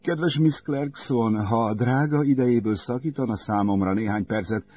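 A man voicing a suave young gentleman with a monocle, courtly, mock-formal and unflappable. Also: mid-range voice, voice pushed up, close to an everyday voice.

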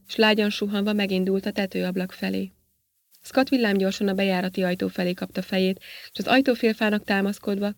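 A woman reads a science fiction story aloud in an even, steady storytelling manner. Her voice sits at a middle pitch. The sound is close and dry, with no room echo. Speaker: narrator. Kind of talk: audiobook narration.

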